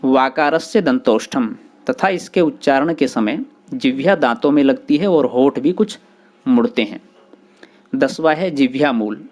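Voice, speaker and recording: A male grammar teacher talks at a very slow, measured pace in a mid-range voice. He sounds out each letter one at a time and stops to recite short classical grammar rules. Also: medium pitch, lively intonation, a little mellow. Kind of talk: explanatory lesson.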